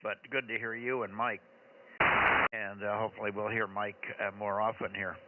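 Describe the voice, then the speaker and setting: A man running an amateur radio net as net control, steady and businesslike. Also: lowish voice, moderate pace. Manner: steady, businesslike with light chuckles. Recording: tinny radio transmission under loud static.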